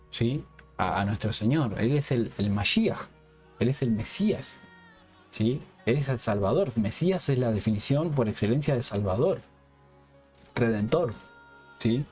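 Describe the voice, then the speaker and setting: A man's voice: medium pitch, darkish tone. A man giving an unscripted Bible teaching for a Hebrew-roots ministry, checking in with a questioning "yes?" after nearly every phrase and often restarting words.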